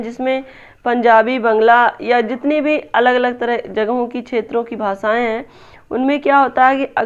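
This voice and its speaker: A woman with a fairly high, smooth voice explains exam answers patiently, one step at a time, and keeps addressing her viewers as friends. The recording sounds a little dull and lo-fi. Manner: repeats "दोस्तों", asks and answers own questions. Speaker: teacher exam-prep tutor. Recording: slightly dull lo-fi audio.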